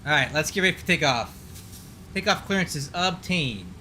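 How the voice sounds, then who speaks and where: A man's voice: fairly high pitch, lively intonation, moderate pace, bright, forceful tone, slight background noise. A man livestreaming as a flight sim pilot, giving clipped cockpit callouts and radio readbacks like a pilot on a headset. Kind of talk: live flight commentary with pilot radio calls.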